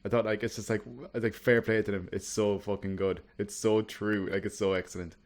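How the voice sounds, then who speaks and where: Deep-voiced man, blunt and casual. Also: level tone, fairly quick. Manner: blunt, sweary, hedging. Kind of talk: casual chat.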